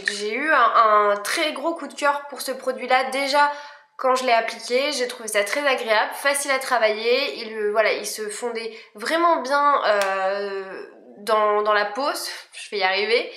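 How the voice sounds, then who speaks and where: A woman's voice: fairly high pitch, sharp tone, reverberant. A young woman chatting casually through a makeup review, full of fillers and restarts. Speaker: beauty vlogger.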